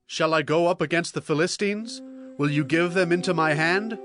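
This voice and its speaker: A man's voice: on the high side, normal speed, music in the background, close to an everyday voice. An actor playing a stern warrior king of ancient Israel, declaiming solemnly and emphatically in scripture drama. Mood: earnest.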